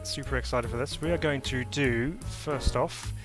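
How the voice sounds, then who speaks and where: A man's voice: mid-range voice, normal speed. Upbeat man commentating his sim race. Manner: chatty, upbeat, many fillers. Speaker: sim racing streamer. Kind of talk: live-stream commentary while racing. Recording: jazz music playing behind.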